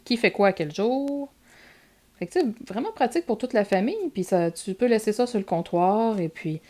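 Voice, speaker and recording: A woman's voice: mid-range voice, creaky, mellow. A woman with a Québécois accent chatting casually as she shows off her purchases in a vlog, using lots of filler words. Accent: Québécois French. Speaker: vlogger showing purchases. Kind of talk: casual show-and-tell vlog.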